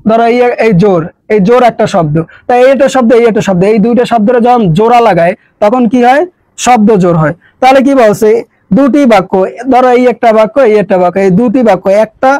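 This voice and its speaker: A man's voice: high voice, darkish tone, no echo, rough recording. A man teaching an exam-prep lesson, casual and coaxing, who keeps asking a question and giving the answer again and again. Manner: repeats questions and drills answers; colloquial, coaxing.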